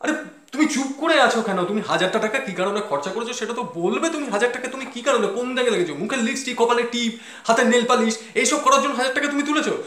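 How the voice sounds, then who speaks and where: An actor playing a flustered, penny-pinching office-going husband in a comedy sketch, calling out frantically and complaining indignantly. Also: male voice, very high voice, racing, pushed and bright. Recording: echoey room.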